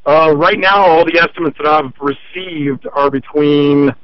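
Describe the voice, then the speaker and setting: A man's voice: on the high side, steady tone, unhurried, no echo. A man calling in to a radio show over the phone, explaining his complaint step by step. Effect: heard over a phone line. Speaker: caller to a consumer-advice radio show. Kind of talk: call-in conversation. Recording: muffled dry phone line.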